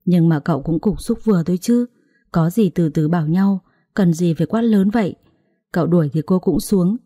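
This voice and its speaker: A woman narrating a story in a smooth, expressive reading. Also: lowish voice, moderate pace, dry recording, clean studio sound.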